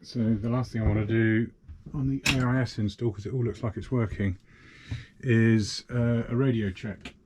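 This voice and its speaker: A sailing vlogger talks casually to the camera, walking through each step of a hands-on job while he does it. His voice is medium-pitched and steady at a moderate pace, with clear background noise and clicks.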